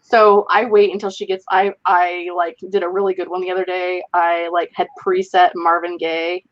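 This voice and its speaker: Woman host, lowish voice, dull lo-fi call audio, rambling chatty talk. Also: little pitch movement, normal speed. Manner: chatty, rambling with many "like" fillers. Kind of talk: casual group video chat.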